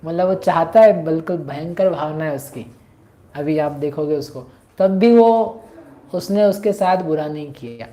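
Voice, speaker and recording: Woman teaching scripture, slow and explanatory, chants verses. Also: low voice, warm tone.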